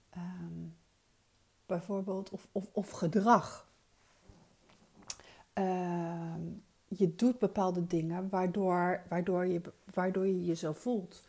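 A woman coach, talking through ideas in a casual, thoughtful way with many pauses and restarts. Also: medium pitch, darkish tone, slightly rough. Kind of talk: casual spoken coaching talk.

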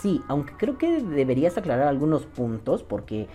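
A Mexican-accented woman with a low, warm voice hosts a podcast and reads out listener comments. She swears freely and jokes around in heavy slang, and her pitch swings lively up and down. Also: normal speed, soft background music. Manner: profane, slangy, joking. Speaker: podcast host.

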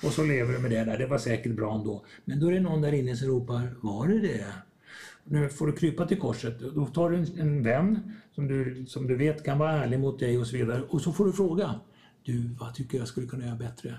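A man's voice: medium pitch, few pauses, dark tone. A man talking as a podcast guest, reflective, often acting out small dialogues as he explains. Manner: reflective, acts out little dialogues. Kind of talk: conversational podcast talk.

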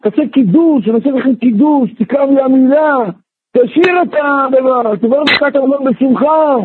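A man, a rabbi, teaching a Torah class in an animated way, firing rhetorical questions and sometimes shouting. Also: very high voice. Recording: tinny phone-like, dry.

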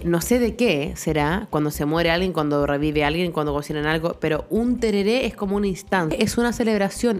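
A young Chilean woman co-hosting a casual chat, rambling with confident slang. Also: lowish voice. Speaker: podcast co-host.

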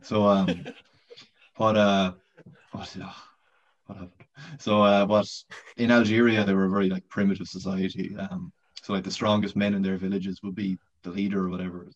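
A man with a low, deep voice chats casually as a podcast guest and winds through a long, rambling story with swearing and laughs along the way. The audio is dull and lo-fi. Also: little pitch movement, moderate pace. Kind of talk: casual chat.

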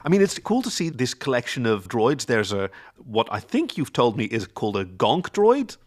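A man's voice: medium pitch, sing-song, moderate pace. A man co-hosting a podcast, chatting casually through a recap with wry, wordy asides. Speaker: podcast co-host. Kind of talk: casual chat recapping a show.

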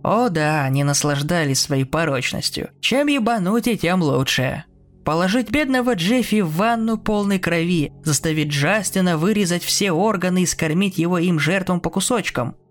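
A man's voice: sits high, lively intonation, normal speed. A man doing a cold, sneering murderous brother. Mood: taunting. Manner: mocking and sneering.

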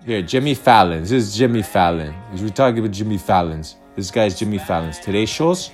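A man casually rambling through a reaction video, with frequent restarts and sudden loud bursts. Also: on the low side, brisk. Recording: music playing loudly under the voice.

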